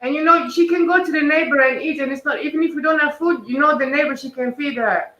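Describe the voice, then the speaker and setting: Earnest woman, bright voice, echoey room. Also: high-pitched, muffled recording. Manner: earnest, emotional, talks in quick bursts. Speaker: guest. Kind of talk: casual conversation.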